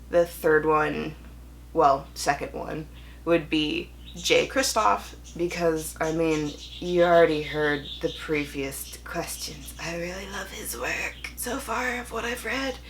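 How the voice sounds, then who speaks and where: A young woman with a lowish, fairly bright voice talks casually and candidly in a chatty vlog monologue, with a slight hiss or hum in the audio. She's a book reviewer and video host who corrects herself as she goes and mimics imagined voices.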